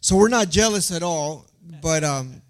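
A young man hosting a panel interview, reading guest introductions with frequent filler pauses. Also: a little high, expressive. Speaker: host.

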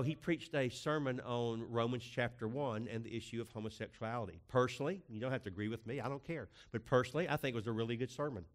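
A man preaching a sermon as a pastor, emphatic, with rhetorical questions and swings in pace. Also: mid-range voice.

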